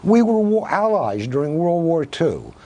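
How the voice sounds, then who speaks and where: Male academic guest, husky, animated intonation, argumentative and full of rhetorical questions. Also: on the high side, a little slow. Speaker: professor of Russian studies, guest. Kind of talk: televised news interview.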